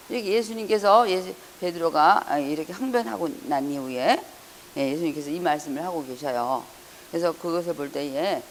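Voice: medium pitch, slight background noise. Pastor preaching in a reverberant church. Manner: earnest, raises voice when reading scripture; frequent hesitations and self-corrections. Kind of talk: Sunday sermon. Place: church hall. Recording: long church hall reverb.

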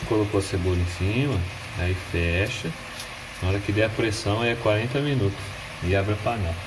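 A man's voice: fairly low pitch, fairly quick, loud music behind the voice, low-quality recording. A young man from Brazil cooking at home, giving short, easygoing answers as his partner films him. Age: young adult. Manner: brief, laid-back replies. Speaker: home cook, the host's partner. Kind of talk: casual chat while cooking. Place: home kitchen. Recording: loud frying noise behind the voice. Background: loud sizzling and stirring.

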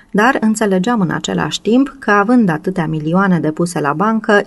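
A woman narrating a classic novel as an audiobook, reading slowly and in a measured way. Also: lowish voice, no echo. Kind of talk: scripted narration.

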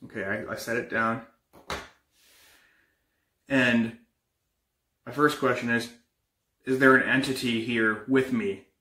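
Young male actor as an uneasy amateur ghost hunter for found footage horror: hesitant, unscripted delivery, sharp bright tone, echoey room. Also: mid-range voice, fairly even intonation. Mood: uneasy, matter-of-fact. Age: young adult. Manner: halting, hesitant, casual. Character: uneasy young man investigating paranormal disturbances. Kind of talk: improvised found footage monologue. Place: indoors, bedroom and kitchen.

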